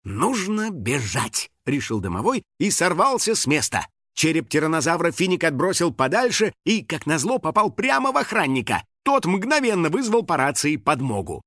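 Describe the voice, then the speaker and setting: Lively theatrical male storyteller. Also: on the high side, normal speed, dry recording, clean studio sound. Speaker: audiobook narrator. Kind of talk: expressive storybook narration.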